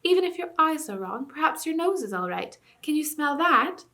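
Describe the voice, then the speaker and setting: Storybook girl, kind and earnest, a woman doing the voice; high and bright. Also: big pitch swings, normal speed, heavily acted. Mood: pleading. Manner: gentle, pleading and tender. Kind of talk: audiobook character reading.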